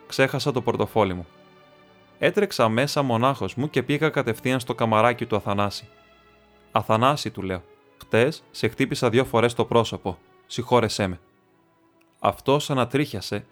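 A man reading a classic novel aloud as an audiobook, in measured storytelling that lifts slightly for quoted speech. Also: mid-range voice. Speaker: audiobook reader.

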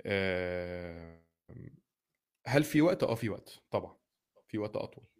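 A man's voice: deep voice, animated, normal speed, clear, resonant tone. A man with an Egyptian Arabic accent hosting a casual podcast chat, mixing English words into his Arabic. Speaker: podcast host.

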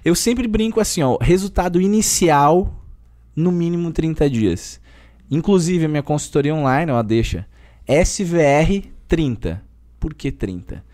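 His voice slightly high and his pace a little slow, a man in his thirties with a Gaúcho accent talks on a relaxed podcast. He works as a personal trainer and comes across as emphatic, lively and colloquial, saying "velho" over and over.

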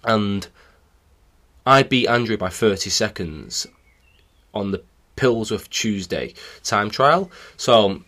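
A man's voice: fairly low pitch, slow, long pauses. A man, a cycling coach telling stories animatedly on a solo podcast. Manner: animated storytelling, acting out remembered exchanges.

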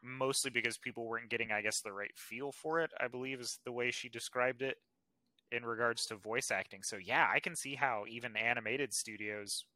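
Man, podcast co-host, very bright voice, dry close sound, confident casual explaining. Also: fairly low pitch, no room sound, poor audio. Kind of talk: casual chat.

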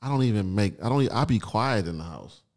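A man's voice: fairly low pitch, expressive, quick pace, a little mellow. A man co-hosting a podcast in casual, teasing banter, telling playful stories. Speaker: co-host.

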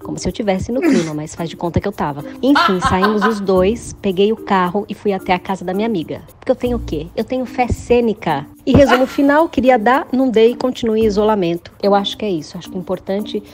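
A woman in her forties with a Brazilian Portuguese accent, telling a story in a voice message, animated, laughing and swearing as she acts out what people said. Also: mid-range voice, quick pace, few pauses. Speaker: listener sending a voice message.

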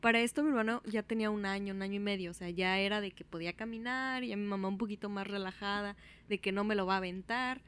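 A woman's voice: fast, clean tone. A woman with a Mexican accent telling a childhood story in casual chat, acting out the voices of the people in it. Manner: animated, acts out quotes with big pitch jumps.

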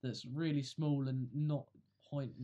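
A man's voice: medium pitch, steady tone, slow, mellow, dull audio. A teenage man hosting a casual podcast, joking with friends and introducing topics. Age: teens. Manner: jokey, presenting topics. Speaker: podcast host. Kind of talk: casual chat.

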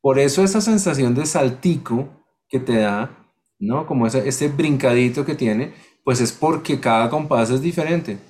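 Man, music teacher, online class, explanatory, mid-pitched, sings rhythms. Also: expressive, measured pace, a little mellow.

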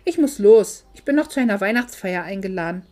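A woman's voice: medium pitch, lively intonation, a little fast, a little mellow, voice pushed down, close to an everyday voice. A woman voicing a young man who answers in a brusque, offhand way and is in a hurry to leave.

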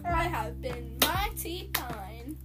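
A teenage girl with a high voice chats on a casual podcast. She tells stories in a giggly way and swears casually. Faint music plays underneath. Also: lively intonation, slow pace. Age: teens. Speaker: podcast co-host. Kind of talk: casual chat.

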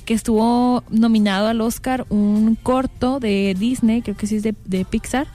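A woman's voice: fairly high pitch, steady tone, unhurried, mellow. A young woman with a Mexican accent, co-hosting a casual panel chat and thinking aloud with frequent fillers. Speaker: podcast co-host.

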